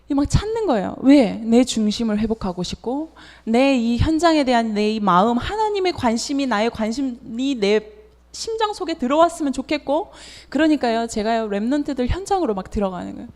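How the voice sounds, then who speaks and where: Woman preacher, sermon, storytelling, rhetorical questions, lively pitch, echoing church hall. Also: moderate pace.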